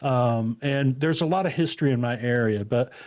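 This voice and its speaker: Speaking at a moderate pace in a mid-range, darkish voice, this Indiana man in his sixties is a retired guest on a podcast. He chats casually about his own life, easygoing and meandering, with lots of filler words.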